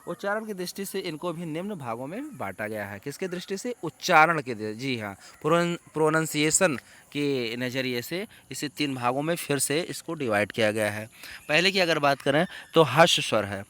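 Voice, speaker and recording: Bright-voiced grammar teacher. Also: male voice, fairly high pitch, expressive, normal speed. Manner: asks questions and answers them himself, mixing in English terms. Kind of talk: classroom lecture.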